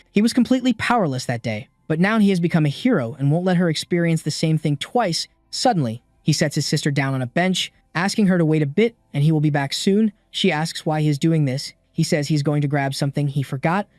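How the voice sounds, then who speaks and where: A man's voice: fairly high pitch, a little mellow, dry recording, clean studio sound. A man narrating a comic story recap in a scripted way, adding chatty asides to the listener.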